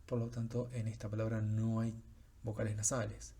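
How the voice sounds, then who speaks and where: A man's voice: lowish voice, completely flat delivery, moderate pace, dark tone, husky. A man teaching French pronunciation in a recorded lecture, explaining patiently with frequent fillers.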